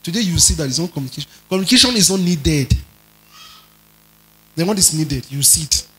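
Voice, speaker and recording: A man preaching a sermon as pastor. He moves between quiet asides and loud, drawn-out emphasis, and keeps asking the congregation questions. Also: on the high side, lively intonation, poor audio. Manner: dramatic preaching, shifts between soft asides and shouted emphasis.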